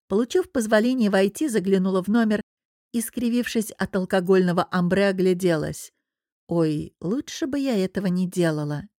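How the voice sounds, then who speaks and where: A woman reads a first-person audiobook with a wry, expressive touch. Her voice sits in the middle of a woman's range. The recording is close and dry, with no room sound. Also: medium pitch, no echo. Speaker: audiobook narrator. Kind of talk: scripted first-person narration.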